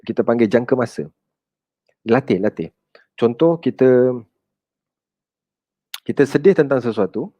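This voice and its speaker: A man's voice: medium pitch, lively intonation, measured pace, long pauses, warm tone, no room sound, highs cut off. A man with a Malaysian Malay accent giving a conversational counseling talk and answering audience questions. He addresses his listeners as children and mixes English words into his speech.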